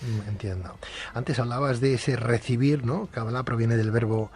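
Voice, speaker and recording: A man hosting a talk show, reading a formal introduction and then interviewing his guest in a measured way. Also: medium pitch, darkish tone, breathy edge. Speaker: radio show host.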